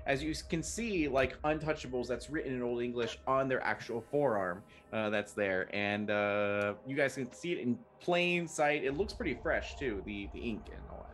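A man running a tabletop role-playing game as game master, narrating the scene in a loose way with many fillers. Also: mid-range voice.

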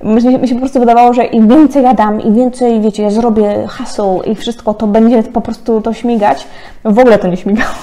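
A woman in her thirties giving a casual, chatty card reading, often laughing and filling pauses. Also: on the high side, steady tone, dark tone. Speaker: tarot card reader.

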